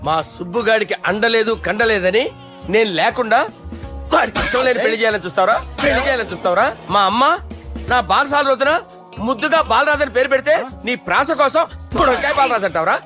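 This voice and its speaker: An actor playing a blustering man who brags loudly and grovels when threatened. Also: very high-pitched, fast talker, faint music behind. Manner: loud, bragging, then grovelling. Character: blustering man who turns pleading coward.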